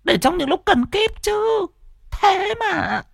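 A man voicing a middle-aged village wife who scolds her husband in a nagging, stammering, high-pitched way. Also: very animated, takes it slowly, creaky, dry recording, clean studio sound, exaggerated voice. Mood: scolding.

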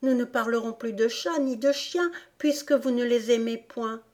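A woman's voice: fairly high pitch, unhurried, darkish tone, pitched above the performer's own voice, natural voice. A woman reading an audiobook, voicing a polite, eager young girl in a raised, sweet voice. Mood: pleading.

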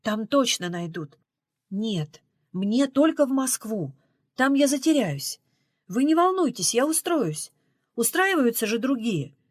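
A woman's voice: fairly high pitch, very animated, a little slow, no room sound, clean studio sound, pitched above the performer's own voice. Woman voicing a stubborn young runaway girl. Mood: pleading. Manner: pleading, defiant.

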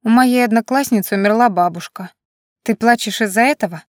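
Soft-spoken loving mother, read by the woman narrator, tender half-whisper, dry sound. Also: on the high side, a little fast, no echo, natural voice. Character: gentle loving mother comforting her little daughter.

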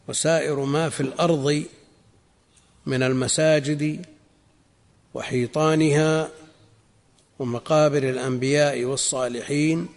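Gravelly scholar teaching in a reverberant hall. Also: male voice, fairly high pitch, a little mellow. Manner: measured, explanatory, repeats phrases for emphasis. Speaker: Islamic scholar teaching a text. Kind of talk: religious lesson explaining a text.

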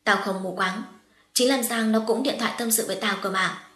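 A woman's voice: a little high, moderate pace, fairly bright tone, natural voice. Wounded young woman, firm and cutting, read by a woman narrator; echoey room. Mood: hurt. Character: wounded young woman, calm but fierce.

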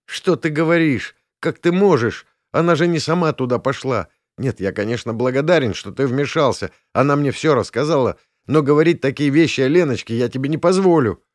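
A whiny young student with a hangover, as a male narrator puts him on, plaintive and touchy, his voice pitched up. The recording is close and dry. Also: animated, brisk, few pauses, no room sound, natural voice. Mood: indignant.

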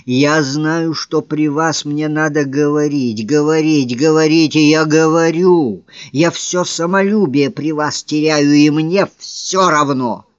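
A man's voice: medium pitch, lively intonation, slow pace, dry recording, dull audio. A man voicing a desperate, obsessive lovesick young man in an audiobook, speaking with pleading passion. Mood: impassioned. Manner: impassioned, pleading, rising to outbursts. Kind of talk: audiobook reading of a classic novel.

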